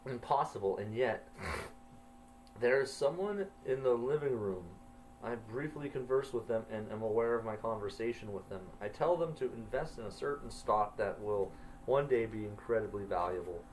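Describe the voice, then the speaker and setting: A man in his forties or older telling his own story in a measured, brooding, quietly puzzled way. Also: medium pitch, a little hiss or hum, low-quality recording. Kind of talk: reflective first-person storytelling.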